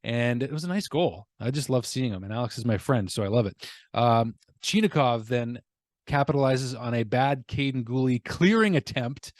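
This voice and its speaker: Male hockey vlogger, mid-pitched voice, dry close sound, rambling self-mocking delivery. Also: lively intonation, moderate pace, no echo. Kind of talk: casual game recap.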